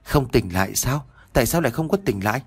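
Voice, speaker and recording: A man's voice: mid-range voice, animated, quick pace, husky, voice pushed up. A man voicing a wounded, grieving husband. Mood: distraught. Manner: distraught, self-blaming. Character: injured, grief-stricken young husband.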